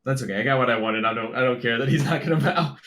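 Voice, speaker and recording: A man's voice: medium pitch, rapid-fire, fairly bright tone. A man playing in a tabletop game, chatting casually and stumbling over his words. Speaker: player. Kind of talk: casual chat.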